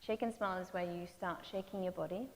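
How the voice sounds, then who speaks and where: A woman gently leading parents through mindfulness and movement exercises, giving soft cues to breathe. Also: lowish voice, fairly even intonation, fast talker. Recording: long reverb with faint hiss.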